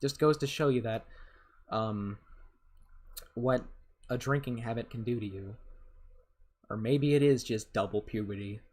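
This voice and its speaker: A gaming YouTuber in his twenties chats casually over a game, answering viewer questions while rambling and swearing now and then. His voice has grown deeper and has a darkish tone, and he talks at a measured pace with frequent pauses.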